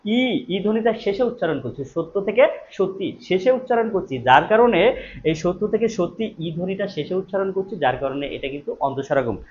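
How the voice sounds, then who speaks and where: In a live online exam-prep class, a man with a high, animated, somewhat dark voice speaks at normal speed. He repeats each question, answers it himself, and stresses key words, over dull lo-fi stream audio with faint noise.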